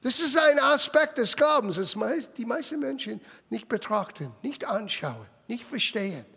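A man preaching a sermon as lively storytelling, dropping English phrases into his German and bursting into loud exclamations. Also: very high voice, moderate pace, vocal fry, husky. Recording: long echoey hall reverb.

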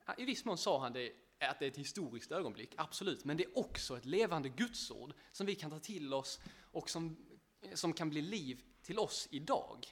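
A man's voice: on the high side, lively intonation. A man preaching a casual sermon, chatting directly with listeners, often laughing and poking fun at himself.

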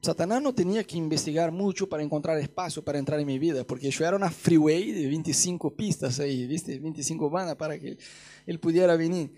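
A young man preaching his testimony in Rioplatense Spanish, with a high-pitched voice. He tells the story with energy and acts out voices and scenes as he goes. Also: fast talker, dark tone. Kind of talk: testimony sermon.

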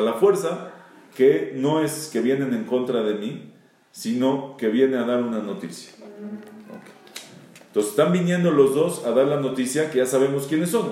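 Echoey rabbi. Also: male voice, mid-range voice, a little mellow. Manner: reads Hebrew verses, then explains them in Spanish; repeats phrases for emphasis. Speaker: rabbi teaching. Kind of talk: Bible storytelling lesson. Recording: very echoey room.

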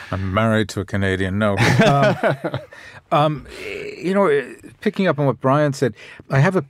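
Man in his sixties, from the United States, wry, opinionated, casual panel talk, medium pitch, dry recording. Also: lively intonation, measured pace, dry recording. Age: 60s. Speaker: panel guest, journalist. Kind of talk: casual political panel discussion.

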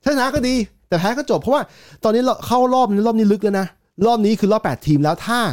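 A man talking football on a podcast, rattling along at a fast clip with a slightly raised pitch. He is animated and laughs often, in loose casual chat with a friend. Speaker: podcast co-host.

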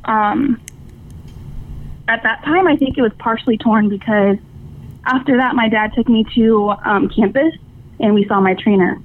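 A young woman telling her story as an interview guest over the phone, tearful and halting, with many fillers. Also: on the high side. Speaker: guest, former softball player. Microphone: phone call. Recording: tinny phone line with faint noise.

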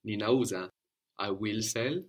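A man's voice: fairly low pitch, takes it slowly. A man teaching a one-on-one language lesson, patiently prompting questions and repeating his student's answers.

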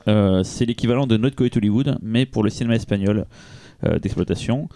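A man's voice: on the low side, a little fast, vocal fry, dark tone, no room sound. A man co-hosting a podcast, presenting a film in casual chat with frequent restarts and hesitations. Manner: rambling, many restarts and hesitations.

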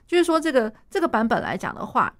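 A woman piano teacher with a Taiwanese Mandarin accent, explaining a piece in a lively way, singing and scatting the notes and laughing often. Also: a little high, fast. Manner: animated, sings and scats the notes.

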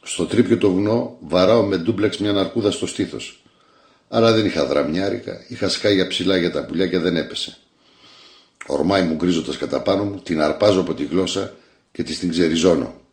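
A man voicing a huge, bedridden old grandfather who rambles slowly about his hunting feats. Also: low-pitched, reverberant. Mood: boastful.

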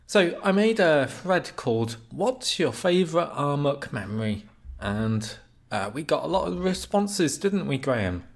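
Male podcast co-host, slow-talking, gravelly, deadpan. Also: on the high side. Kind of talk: casual podcast chat.

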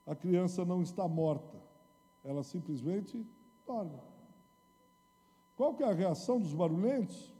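A man preaching a sermon in Portuguese, dramatic, moving between quiet storytelling and loud shouting. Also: sits high, a little slow, long pauses, in a large hall.

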